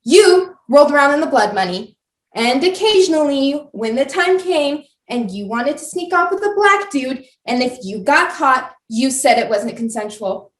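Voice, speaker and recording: A woman's voice: sits high, expressive, moderate pace. A woman playing a sarcastic ranting vlogger. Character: chatty young woman video blogger ranting. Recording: roomy, distant mic.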